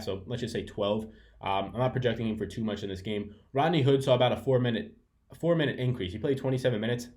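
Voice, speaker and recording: A somewhat mellow, lowish male voice belongs to a fantasy sports analyst giving an informal breakdown of basketball picks. He rambles, corrects himself and chats freely while sniffling from allergies. It's captured through a webcam in a room at home.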